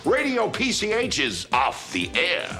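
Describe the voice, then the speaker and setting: An actor playing a stern but polite male high school principal in a sitcom. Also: huge pitch swings, unhurried, bright, forceful tone, faint music behind, full character voice. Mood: joking. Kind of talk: sitcom acting. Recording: studio audience laughter and noise.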